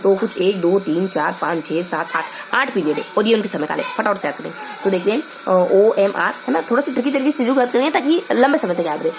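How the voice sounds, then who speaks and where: A woman's voice: medium pitch, expressive, fast, hardly any pauses, background noise. A young woman teaching a casual lesson, chatty and playful, thinking aloud with many fillers and memory tricks. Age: young adult.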